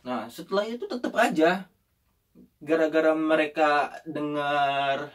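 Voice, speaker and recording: A young man telling an animated story in casual chat and acting out the voices of the people in it. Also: a little high, unhurried, far from the mic.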